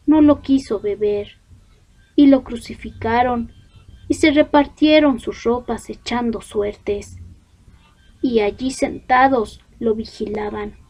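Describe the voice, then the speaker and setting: A woman reading scripture aloud in a measured, deliberate way, pausing between phrases. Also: sits high. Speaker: scripture reader. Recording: dull lo-fi recording.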